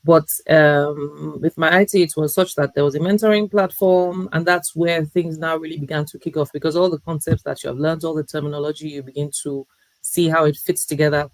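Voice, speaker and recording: A woman guest in an interview, talking in a reflective, measured way with frequent pauses. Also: low voice, steady tone, darkish tone, dry recording, rough recording. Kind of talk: interview conversation.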